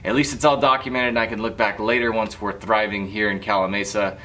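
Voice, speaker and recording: A man's voice: lowish voice, flat delivery, fast talker, sharp tone, slight background noise. A young man chatting casually to the camera in an informal, easygoing way as a vlogger. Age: young adult. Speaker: vlogger, automotive lighting shop owner. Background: music.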